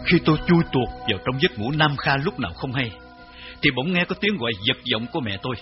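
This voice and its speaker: A man's voice: mid-range voice, lively intonation, fairly quick. Grave male memoir narrator. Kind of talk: memoir audiobook reading. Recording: slightly dull recording with faint music.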